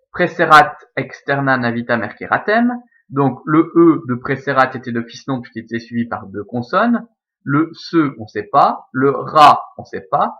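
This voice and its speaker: A male teacher with a Belgian French accent walks through a lesson in a methodical, step-by-step way, repeating each rule patiently. His voice sits in a middle register. The recording is slightly dull and lo-fi. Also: medium pitch. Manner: methodical, repetitive step-by-step explaining. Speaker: Latin teacher. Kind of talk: screen-recorded lesson explaining Latin scansion.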